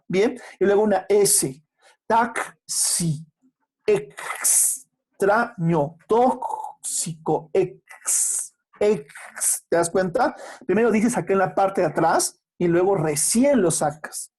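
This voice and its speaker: A teacher explains a language lesson to a class. The voice is dark and mellow, at a middling pitch. The teacher stretches out individual sounds to show how they are said. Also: slightly rough. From Peru. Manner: patient, explanatory, poses rhetorical questions and answers them; slows down to spell out sounds and letters. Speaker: secondary school language teacher.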